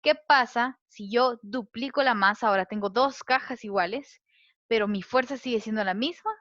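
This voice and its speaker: A woman's voice: a little high, normal speed, fairly bright tone, no room sound. A woman teaching a physics lesson, explaining step by step and often checking that listeners follow. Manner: patient, checks understanding with a questioning tag. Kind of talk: explaining physics over slides. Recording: muffled lo-fi recording.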